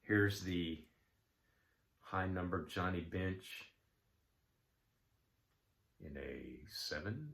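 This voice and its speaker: A card-collecting vlogger in his 70s chats casually and folksily about collecting, rambling and filling his talk with ums and uhs. His low, creaky voice has a fairly bright tone, with drawn-out words and frequent pauses, and the room is echoey.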